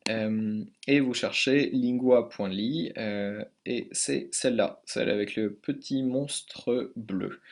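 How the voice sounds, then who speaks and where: A man's voice: medium pitch, darkish tone. A French-speaking man giving a casual screen-recorded tutorial, hesitating often and correcting himself as he goes. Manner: hesitant, many fillers and self-corrections. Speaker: language tutor.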